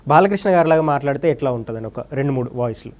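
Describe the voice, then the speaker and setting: A man's voice: mid-range voice, expressive, very fast, darkish tone. A man interviewing a guest, asking long, polite questions and murmuring agreement. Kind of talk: casual interview.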